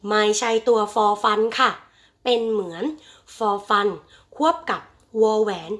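A woman's voice: medium pitch, a bit bright. A woman teaching English vocabulary in a bilingual lesson, repeating each word for her students and addressing them fondly as children. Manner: drills vocabulary with slow, stretched repetition.

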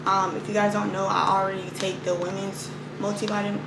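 A twenty-something woman chats informally with her viewers in a gravelly, medium-pitched voice, talking fairly quickly with a flat delivery. She's indoors, in a parked car and a room at home. The camera, propped close or at arm's length, records noisy ambient audio.

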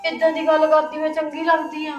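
A woman's voice: high-pitched, monotone, brisk, muffled recording, music in the background, lightly acted. A woman playing a sad young wife, echoey room. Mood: pleading. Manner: soft, resigned, holding back tears. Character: sad, put-upon young wife missing her parents. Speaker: daughter-in-law. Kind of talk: short film drama acting. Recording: roomy echo.

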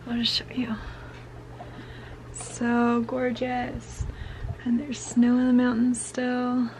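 Outdoors at a lake and in the mountains, a young woman vlogs casually to a handheld camera about travel and fitness. She's bubbly and giggly with lots of "like" fillers, yet her slightly high voice is delivered completely flat and slowly over a noisy background.

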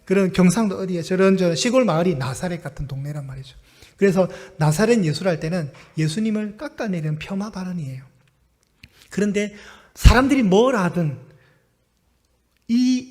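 High-voiced pastor preaching in a reverberant church. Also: male voice. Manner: projects his voice loudly to reach the room; animated storytelling, acting out cries and quotes. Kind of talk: sermon. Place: church sanctuary. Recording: long reverb of a church hall.

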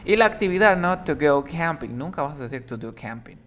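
A man's voice: fairly high pitch, expressive, fairly quick, a bit bright. A man teaching English to a Spanish speaker, explaining words patiently and switching between Spanish and English. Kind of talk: bilingual English lesson.

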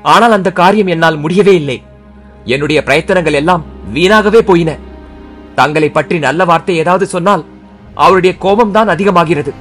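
A man's voice: sits high, moderate pace, fairly bright tone, soft background music. Man voicing a fearful weeping young princess. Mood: sorrowful. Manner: pleading, sorrowful.

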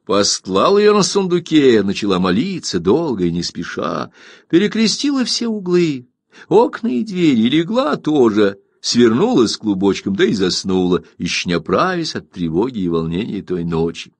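Male story narrator, expressive reading, mid pitch, very lively intonation. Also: normal speed, no room sound. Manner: animated storytelling delivery. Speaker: audiobook narrator.

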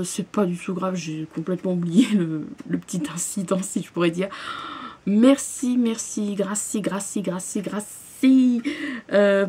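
A young woman opening a parcel in her bedroom, gushing with excitement and often restarting her sentences. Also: mid-range voice, breathy edge. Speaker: vlogger. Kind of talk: unboxing vlog. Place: bedroom, at home. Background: paper crinkling.

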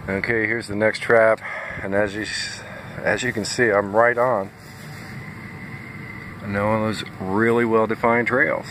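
A man with a somewhat low voice speaks at an unhurried, drawn-out pace, walking a fence line outdoors. He is plain-spoken and folksy, chatting directly to viewers about trapping. The phone recording carries a clear, steady background noise. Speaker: nuisance wildlife trapper. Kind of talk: casual outdoor video walkthrough. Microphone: handheld phone camera.

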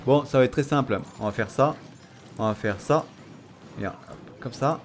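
Speaking at normal speed in a medium pitch, this young male gaming YouTuber comments loosely on his play and ribs his opponent and the viewer alike. Faint background noise is audible.

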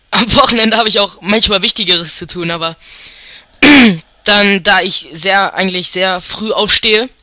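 This high, sharp-toned male voice belongs to a young German let's player who rambles casually over a football video game, chuckling as he thinks out loud. There's no room sound.

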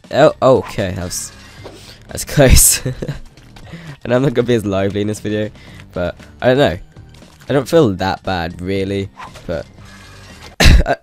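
A man's voice: lowish voice, a little mellow. Congested man chatting over gameplay. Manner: rambling, hesitant, laughing often. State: congested with a cold. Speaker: gaming channel host. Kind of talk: casual gameplay commentary. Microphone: desk microphone set to high sensitivity. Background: game music.

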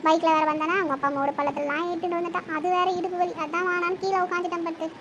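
A woman's voice: very high voice, level tone, racing. A woman voicing a nagging older mother-in-law in a family cartoon. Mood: tender. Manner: scolding, complaining. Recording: noisy home recording.

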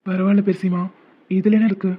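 Guy doing a high-voiced young cartoon boyfriend, earnest and protective, flat delivery. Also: fairly quick. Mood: tender. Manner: earnest, soft-spoken comforting. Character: young man, devoted and protective. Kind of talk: cartoon voice acting. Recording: tinny phone-like sound.

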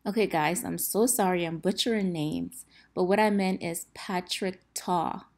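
A young woman beauty vlogger chatting casually to camera about products in her home studio. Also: fairly low pitch. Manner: bubbly, chatty, fast asides. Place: home filming studio, indoors. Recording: roomy studio with faint ambience.

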